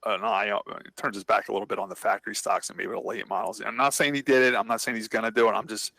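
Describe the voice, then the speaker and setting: A low, gravelly male voice in loose conversational chat. He rambles and gets animated as he tells a story. The sound is close and dry, with no room around it. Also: fast, no room sound, rough recording. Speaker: podcast co-host and racer. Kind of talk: casual chat.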